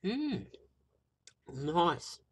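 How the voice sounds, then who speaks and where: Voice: mid-range voice, very animated, extremely slow, breathy edge. A food reviewer in their forties, chatting casually while eating with a mouth full and stumbling over the first sounds of words.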